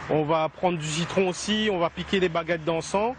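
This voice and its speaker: A man calmly explaining rituals as a guide, outdoors. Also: fairly high pitch, normal speed, a little hiss or hum. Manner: calm explanatory, with "donc" and "voilà". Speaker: guide at a shrine. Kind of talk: explaining on site.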